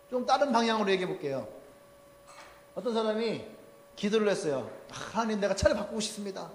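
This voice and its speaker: A male pastor preaching a sermon to his congregation, animated and often acting out the people in his stories. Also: high voice. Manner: animated, acts out quoted people with shouts and laughs. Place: church sanctuary. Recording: echoey church hall.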